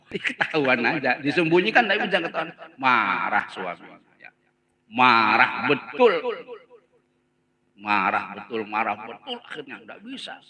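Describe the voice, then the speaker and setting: This man's voice is medium-pitched, bright, and forceful, captured in poor audio with the crowd of a live gathering audible. Preaching with a Banjar Indonesian accent, he spins funny sermon stories, frequently laughing while performing the different voices.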